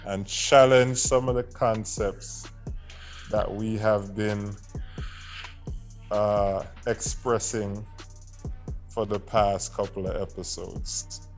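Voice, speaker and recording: A man hosting a casual podcast, introducing a guest with playful, drawn-out grand titles. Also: fairly low pitch, fairly even intonation, soft background music. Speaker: podcast host.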